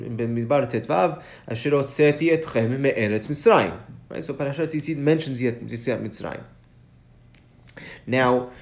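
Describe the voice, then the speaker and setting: A man's voice: on the high side, darkish tone. Man teaching with rising emphasis. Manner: explanatory, rising emphasis on key points, frequent "right?"; chants source text quickly. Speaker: Mishnah teacher. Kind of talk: recorded study lesson.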